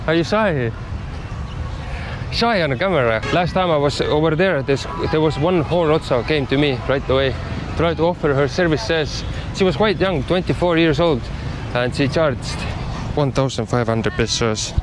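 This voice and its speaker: A man's voice: on the high side, normal speed. A man street vlogger chatting casually in simple, asking blunt questions. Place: outdoors on streets. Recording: clear outdoor street and traffic noise.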